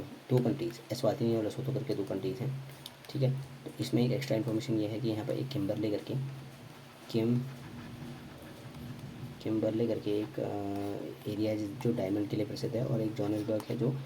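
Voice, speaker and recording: A man teaching a quick geography revision lesson, repeating names over and over and correcting himself as he goes. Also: on the low side, dark tone, a little hiss or hum, rough recording. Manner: quick, repetitive drilling with frequent self-corrections and fillers.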